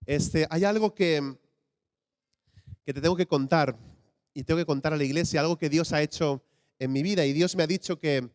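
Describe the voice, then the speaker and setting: A man's voice: a little high, normal speed, long pauses. A man acting as pastor, introducing a testimony during a church service in a plain manner with small fillers. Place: church hall. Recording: dry close mic with hall reverb.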